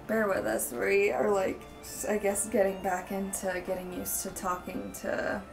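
A woman's voice: medium pitch, flat delivery, measured pace, gravelly, far from the mic, poor audio. A woman co-hosting a let's play, chatting casually and rambling with fillers into a desk microphone at home. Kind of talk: casual gameplay chat. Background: game music.

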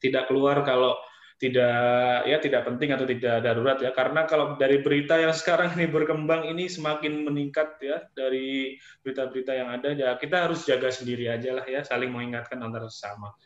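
A man hosting an online session, speaking casually and warmly to participants over a video call. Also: mid-range voice, steady tone, fairly quick. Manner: friendly, mixes in Javanese phrases. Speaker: online event host. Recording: echoey, muffled video call audio.

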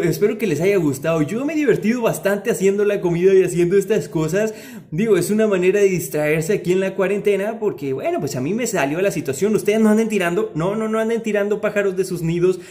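A playful young-sounding man talks casually to his viewers, his voice pitched high. He chats and jokes freely, and the room around him rings with echo. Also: mellow. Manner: playful, chatty, jokey. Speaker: vlogger. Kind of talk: casual vlog talk to viewers. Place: at home during quarantine. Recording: echoey room.

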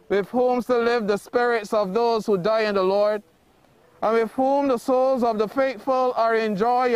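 High, clear-voiced man praying at a graveside. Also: no room sound. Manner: solemn, measured, formal. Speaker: officiating clergyman. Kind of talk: graveside funeral prayer, liturgical reading. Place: outdoor cemetery graveside.

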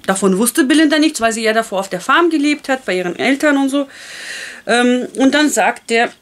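A woman's voice: a little high, lively intonation, fairly quick. A woman casually retelling a romance novel and reading passages aloud, chatty and full of fillers and self-corrections. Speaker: book reader and channel host.

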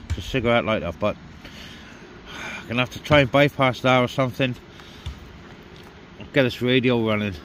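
At a wet forest campsite, a man handles his gear and talks informally to viewers, throwing in muttered asides. He's a CB radio vlogger with a mid-range, fairly bright voice, recorded on an outdoor camera with clear background noise.

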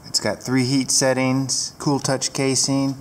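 A woman's voice: very deep voice, monotone, slow. A woman giving a casual, rambling product review with fillers, filmed on a handheld camera inside a large barn with the door open to the wind.

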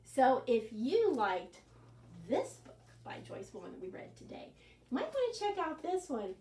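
Her voice is high-pitched and a little slow, picked up far from the mic in a reverberant living room with slight background noise. She is a woman in her sixties and a children's librarian, doing a storytime reading of a picture book with gasps and sing-song songs. A camera set back across the room captures her animated performance.

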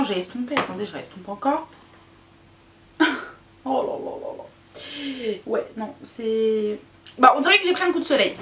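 A woman beauty vlogger giving a casual, candid makeup review, chatty and full of fillers and groaning exclamations. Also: on the high side. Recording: echoey room, faint noise.

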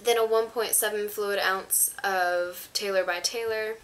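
The voice is mid-range and fairly bright, with fairly even intonation at a measured pace. It belongs to a teenage vlogger, stuffy and under the weather, who rambles casually about products to a camera on a stand in her small bedroom.

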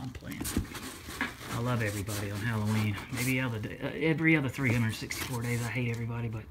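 A man's voice: medium pitch, noisy background. Rambling, cursing man unboxing at home. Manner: rambling, swears freely, excitable. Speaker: vlogger unboxing a gift. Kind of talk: casual unboxing chat. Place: home room.

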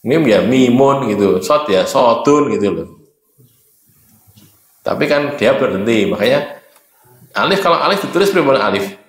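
A man's voice: medium pitch, expressive, moderate pace, long pauses, reverberant. A man with a Javanese accent teaching Quran reading at a religious study, explaining patiently and chanting letters aloud. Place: mosque.

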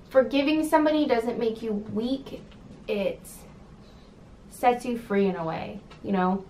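Captured from a distance, a medium-pitched female voice belongs to a young California vlogger talking casually at home. She's sassy and says um a lot, and the room echoes over a faint hiss.

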